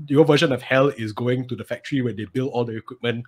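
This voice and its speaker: A man's voice: mid-range voice, fairly even intonation, quick pace, a little mellow, breathy edge. A Singaporean man chatting and joking casually in colloquial Singlish, with plenty of lah and ah. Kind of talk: casual joking chat in a group.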